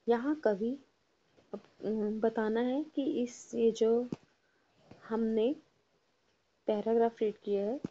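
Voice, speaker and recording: A woman's voice: fairly high pitch, mellow, husky. A woman teaching a Hindi lesson, patiently spelling out words syllable by syllable and having students repeat after her. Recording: dull lo-fi recording.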